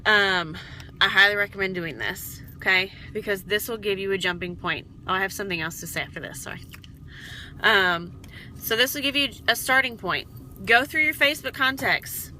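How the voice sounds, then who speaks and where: A woman's voice: mid-range voice, moderate pace, bright, forceful tone, a little hiss or hum, low-quality recording. A woman giving casual coaching tips to her sales team in a vlog. She is chatty and encouraging, and keeps checking in with "okay?". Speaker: direct sales team leader.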